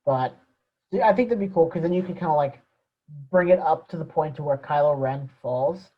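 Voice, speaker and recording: A man co-hosting a casual podcast, chatting loosely about a show with fillers and trailing off quietly. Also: fairly high pitch, brisk, muffled recording. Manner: relaxed fan talk with fillers, trailing off quietly. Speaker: podcast co-host. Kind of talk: casual chat.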